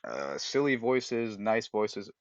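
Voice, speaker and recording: A man with a low voice co-hosts a casual podcast and gives eager, direct advice. The audio is dry and dull, like a lo-fi call. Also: slow pace, no echo. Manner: animated, giving direct advice, acts out example voices. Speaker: podcast co-host.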